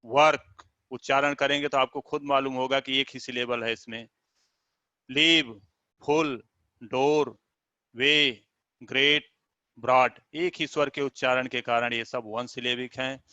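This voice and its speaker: Slow, bright-voiced male teacher. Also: mid-range voice, steady tone, clear, resonant tone, no room sound. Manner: slow, repeats each word aloud and spells it out to children. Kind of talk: classroom video lesson. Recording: dull lo-fi sound.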